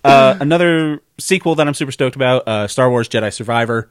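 A man's voice: mid-range voice, fairly quick, clear, resonant tone, dry recording, clean studio sound. A man co-hosting a casual podcast, joking around and swearing freely. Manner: profane, jokey, enthusiastic about golf. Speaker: podcast co-host. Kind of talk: casual chat.

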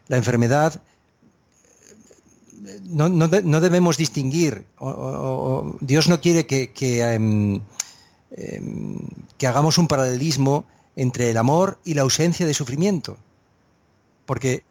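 A man's voice: medium pitch, measured pace, darkish tone. Hesitant, reflective man on faith. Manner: thoughtful, hesitant with many fillers and restarts. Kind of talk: reflective conversational preaching.

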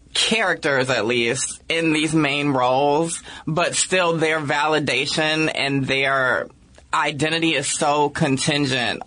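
A woman speaking as a podcast guest in a casual discussion, earnest and measured, often checking in with "right?". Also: deep voice, fairly bright tone. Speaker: podcast guest, activist and writer.

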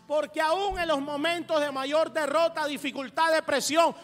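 A man preaching a sermon as pastor, laughing along with his listeners, calling for amens and rising to loud emphasis. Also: extremely high pitch, fairly even intonation, normal speed. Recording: roomy long reverb with faint music.

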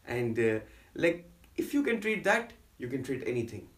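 Slangy Pakistani-born podcast host. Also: male voice, medium pitch, very animated, normal speed. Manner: slangy, many fillers like "yo" and "fam". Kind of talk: casual chat.

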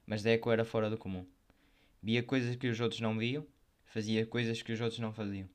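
Smooth, even-toned Portuguese male narrator. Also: fairly low pitch, a little fast. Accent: European Portuguese. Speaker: host of a football history programme. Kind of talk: semi-scripted biographical narration.

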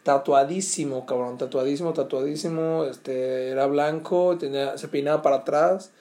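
For his viewers, a young man vlogging in a Mexican Spanish accent restlessly retells a story, using loose slang, swear words, and lots of fillers. He speaks at a moderate pace, his voice on the high side with a dark tone and fairly even intonation.

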